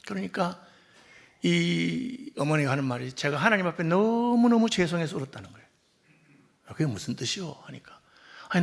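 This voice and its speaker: A male pastor preaching a sermon, telling a story and acting out the dialogue, often dropping to a soft, quiet voice for emphasis. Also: fairly high pitch, vocal fry.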